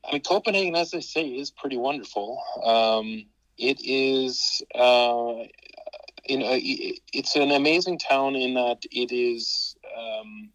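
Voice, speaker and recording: A man in his fifties, a podcast guest, talking casually and hesitantly in an interview, with many pauses and restarts. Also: mid-range voice, fairly bright tone, no echo, rough recording.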